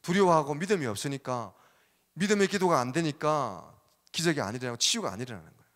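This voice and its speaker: A man's voice: on the high side, animated, quick pace, a bit bright. A male pastor preaching a Sunday sermon with rising, exclaiming emphasis. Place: church sanctuary. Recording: church hall reverb.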